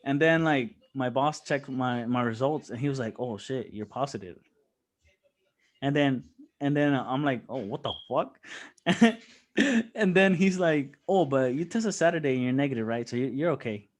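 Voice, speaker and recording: A man's voice: medium pitch, normal speed. A young man in casual podcast chat, telling a story with lots of swearing and laughter. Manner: animated storytelling, swears often, laughs a lot. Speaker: podcast co-host.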